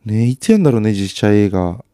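A man's voice: on the low side, very animated, fast talker, warm tone, no echo, studio quality. A man chatting casually on his own while watching TV, with chatty asides and self-deprecating remarks. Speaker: solo podcaster.

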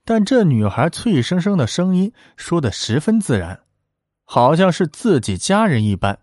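A man narrating a historical tale in traditional storytelling style, animated and dramatic. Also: on the high side, moderate pace, dry recording, clean studio sound.

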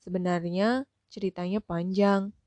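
A woman's voice: medium pitch, fairly even intonation, a little slow, a little mellow, no echo, lightly acted. Woman voicing a polite nervous young visitor. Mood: polite, careful. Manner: polite, careful, hesitant.

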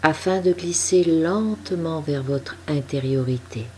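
A woman with a deep, low voice guides a meditation, speaking very slowly and softly. Her instructions come calm and unhurried, with a faint ambient hum behind her.

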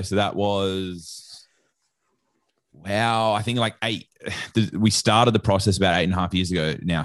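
An Australian man whose voice sits low is telling a casual story on an interview, slangy and informal with plenty of reported speech. He's a sports nutrition educator, recorded dry at studio quality.

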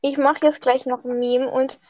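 A woman's voice: high-pitched, level tone, normal speed, a little mellow. A woman chatting playfully on a podcast in slangy, hyped talk. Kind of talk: casual podcast chat. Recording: dull dry lo-fi sound.

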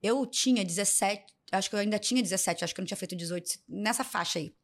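A woman's voice: mid-range voice, rapid-fire. A young woman, a podcast guest telling a personal story and acting out the people in it. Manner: animated, acts out the people in her story. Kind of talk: casual storytelling in an interview.

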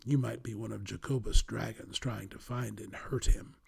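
A gruff, wary old whale from a children's storybook, as voiced by a man. He speaks slowly and loudly in a deep, rumbling, gravelly voice with a husky edge. It's a storybook reading rather than a full production. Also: fairly even intonation, exaggerated voice. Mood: stern. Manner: slow, booming, rumbling delivery.

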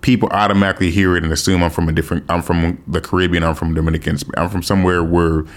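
A man's voice: sits low, flat delivery, rapid-fire. A man from the United States chatting casually and slangily, with some swearing and bits of Spanish mixed in. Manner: slangy, profane, mixes in Spanish phrases. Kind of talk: casual chat about language learning.

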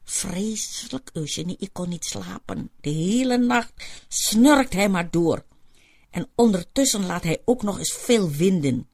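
A woman's voice: medium pitch, lively intonation, measured pace, a little mellow, breathy edge, voice pushed up. A woman voicing a bashful, upset woman in a hospital bed, speaking in a whiny, plaintive way. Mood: complaining.

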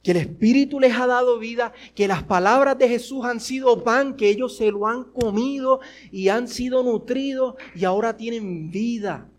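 A man with a notably high-pitched voice preaches a sermon to his congregation. He fires off rhetorical questions, repeats them, and moves from forceful lines to near-hushed ones. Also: moderate pace, few pauses. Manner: swings between forceful and hushed delivery. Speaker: pastor.

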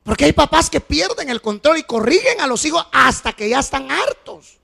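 A middle-aged male pastor preaching an animated sermon, swinging from shouting to soft storytelling. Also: very high-pitched, normal speed, creaky.

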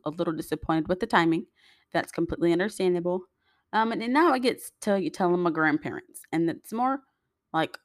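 A woman's voice: fairly low pitch, no room sound, clean studio sound. A young woman, chatting straight to her viewers in a storytime vlog, full of fillers and asides. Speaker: vlogger.

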